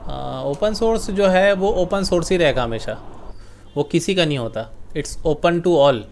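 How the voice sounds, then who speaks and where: A man teaches a computer class online in Hindi sprinkled with English, explaining things slowly and quizzing his students. His voice sits a little high.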